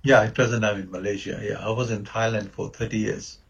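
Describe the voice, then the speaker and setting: A man's voice: on the low side, little pitch movement, a little fast, gravelly, breathy edge. A man from Tanzania, a professor chatting in friendly short replies on a video call. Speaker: professor and panelist. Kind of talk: casual video-call chat. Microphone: computer mic on a video call. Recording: dull lo-fi video-call audio.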